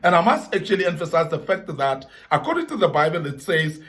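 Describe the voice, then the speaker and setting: Man, high voice, earnest motivational speaker who leans on repetition and scripture. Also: big pitch swings, brisk, fairly bright tone. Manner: earnest, repetitive emphasis, Bible references. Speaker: speaker giving advice to young men. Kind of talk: motivational talk.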